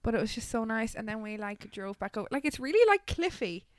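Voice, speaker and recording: A young Irish woman in her twenties co-hosting a casual podcast, chatty and quick to laugh. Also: fairly high pitch, lively intonation. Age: 20s. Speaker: podcast co-host. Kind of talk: casual chat.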